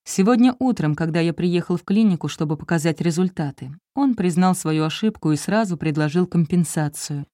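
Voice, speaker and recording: A woman reading an audiobook, voicing a troubled young husband who speaks quietly and gently. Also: on the low side, brisk, hardly any pauses, no room sound, studio quality, lightly acted. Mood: somber.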